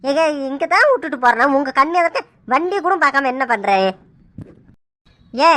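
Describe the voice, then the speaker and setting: A woman's voice: high voice, animated, normal speed, bright, forceful tone. A woman voicing a grumbling, scolding middle-aged village father.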